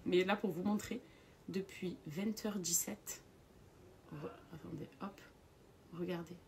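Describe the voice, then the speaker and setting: Woman, young adult, casual vlog, chatty, enthusiastic, slightly low pitch, faint background noise. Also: fairly even intonation, measured pace, creaky, a little mellow, echoey room. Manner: chatty, enthusiastic, repeats phrases. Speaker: vlogger. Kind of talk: casual vlog, product promotion and giveaway.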